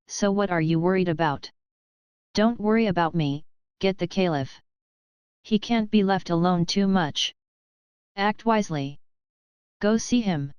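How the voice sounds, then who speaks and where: Woman doing a calm old lady cat, low smooth voice, dry and kinda muffled. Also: no room sound, natural voice. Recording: dull, muffled sound.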